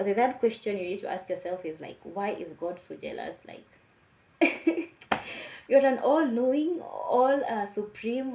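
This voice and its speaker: A woman's mellow voice, recorded in an echoey room. She talks casually and conversationally, pressing her points with rhetorical questions. Phrases come back repeated for emphasis. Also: mid-range voice. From Africa. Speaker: vlogger giving personal opinions.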